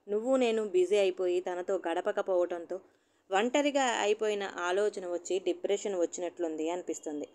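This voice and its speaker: A woman voicing a young adult daughter who talks gently and reassuringly. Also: mid-range voice, lightly acted. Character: calm caring grown daughter, young woman.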